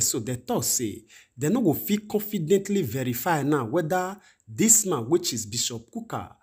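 A man's voice: on the high side, darkish tone, slightly rough. A man with a Nigerian Pidgin accent hosting a news commentary, talking in a rambling, repetitive way. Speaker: channel host. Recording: voice-over over news images.

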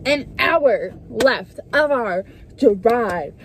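Speaking extremely slowly, a young adult woman vlogger narrates her road trip in a slightly high, expressive, somewhat bright voice. She chats upbeat to a phone held at arm's length, both in the car and outdoors, for a casual travel vlog. The car and street around her are noisy.

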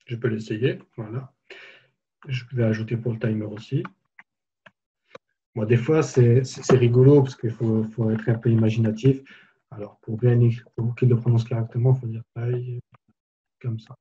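A man giving a live software tutorial webinar, casually explaining each step as he clicks through it. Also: mid-range voice, fairly even intonation, normal speed, muffled recording, slight background noise. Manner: casual, explanatory, walks through steps on screen. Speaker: software trainer.

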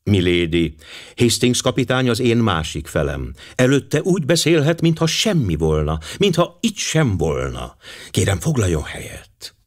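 A man's voice: on the low side, big pitch swings. A man voicing a fussy, commanding older male detective who speaks precisely and sprinkles in French phrases.

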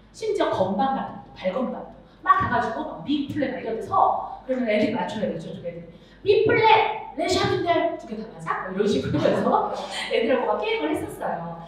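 A middle-aged woman teaching music to teachers at a seminar, animated, acting out voices and singing examples. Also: high voice. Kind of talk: lively seminar lecture to teachers. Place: large lecture hall with audience. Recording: echoey hall, speaker far off, audience noise.

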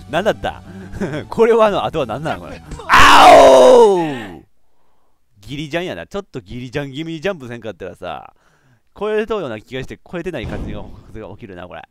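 A man doing excitable let's play commentary, laughing often and yelping when he fails. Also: medium pitch, fast talker, faint music behind. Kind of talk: game commentary.

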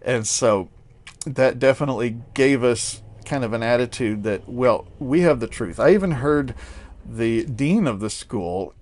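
A man's voice: mid-range voice, animated, measured pace, darkish tone. A man hosting a podcast, rambling candidly and sardonically, with lots of fillers and laughing at himself. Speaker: podcast host. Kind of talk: casual monologue.

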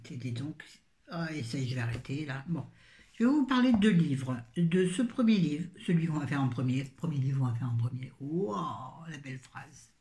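A woman's voice: low voice, lively intonation, normal speed, dark tone, roomy sound. An older woman reviewing books in a casual, rambling chat full of self-mocking asides. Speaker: book vlogger.

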